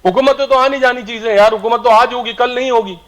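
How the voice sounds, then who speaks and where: A man's voice: extremely high pitch, fairly even intonation, quick pace, fairly bright tone. A man joining a televised political debate over a phone or video-call line that sounds distant and breaks up, speaking bluntly. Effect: heard over a phone or video-call line, distant and breaking up.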